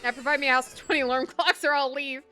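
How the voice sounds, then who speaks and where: A woman's voice: high-pitched, steady tone, fast, pushed and bright, soft background music. A woman voicing a small, friendly, sleepy game creature with a laid-back drawl, reading its game dialogue aloud. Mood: easygoing.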